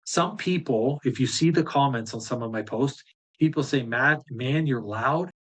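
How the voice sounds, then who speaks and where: A man's voice: medium pitch, moderate pace, slightly rough. Blunt, fired-up male business coach. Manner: direct, blunt and fired up, with casual swearing. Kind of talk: live group coaching session.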